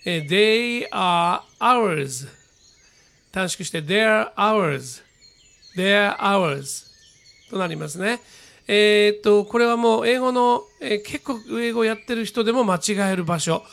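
Male English teacher, Japanese accent, high gravelly voice, patient radio-style lesson. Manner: explains patiently, slow deliberate model readings.

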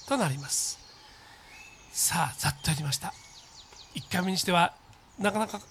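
A man's voice: fairly high pitch, a bit bright, a little hiss or hum. Patient man teaching English. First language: Japanese. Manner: slow, deliberate model sentences for repeating; patient explaining, checks in with the listener. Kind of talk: spoken English lesson with repeat drills.

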